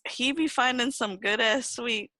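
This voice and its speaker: A woman's voice: fairly high pitch, unhurried, no room sound. A woman co-hosting a podcast, chatting casually and laughing often as she tells stories. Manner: laughs often, animated storytelling. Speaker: podcast co-host. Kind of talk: casual chat.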